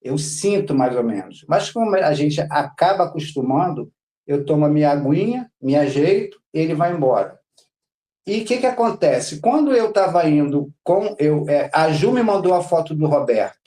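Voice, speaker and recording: A man's voice: fairly high pitch, expressive, moderate pace, mellow. A Brazilian man, a podcast guest, telling his story in a rambling, casual way, with lots of filler words. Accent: Brazilian Portuguese.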